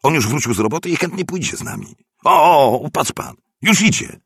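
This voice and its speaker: A man's voice: medium pitch, wildly swooping pitch, a little fast, gravelly, slightly rough, dry recording, clean studio sound, voice pushed up, exaggerated voice. A man reading aloud, voicing a short, sly, good-natured neighbor who coaxes eagerly. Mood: coaxing. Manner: eager, wheedling, coaxing. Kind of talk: audiobook reading.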